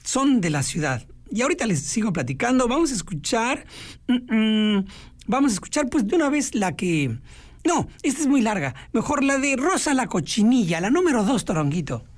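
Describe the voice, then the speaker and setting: A woman's voice: on the high side, moderate pace. A woman with a Mexican accent hosting a radio music program, chatting casually and acting out little voices. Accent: Mexican Spanish. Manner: chatty, animated, acts out voices in quotes. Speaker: radio host.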